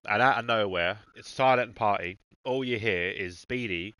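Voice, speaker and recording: A man's voice: on the low side, moderate pace, sharp tone, clear, resonant tone, dry recording, poor audio. A man streaming a racing game, chatting casually and swearing freely while he eats. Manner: laid-back, swears freely, talks to his dog and chat.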